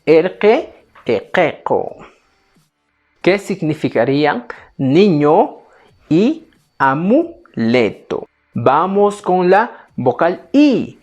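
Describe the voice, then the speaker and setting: Woman teacher, slow, careful drill delivery, lively pitch, faint music underneath. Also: muffled recording. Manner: slow, careful enunciation of example words. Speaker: Quechua language teacher. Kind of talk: language lesson, slow repetition drills.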